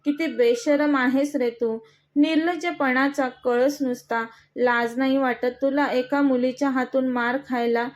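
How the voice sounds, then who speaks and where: A woman's voice: high voice, steady tone, a little slow. A woman voicing an angry, protective father, a schoolmaster, who scolds furiously in a storybook reading.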